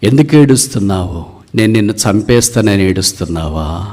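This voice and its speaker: A man voicing a puzzled hunter who keeps gently asking a wounded bird why it weeps, in a sermon story. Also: on the low side, lively intonation, a little fast. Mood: puzzled questioning. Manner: repeating questions, gently probing.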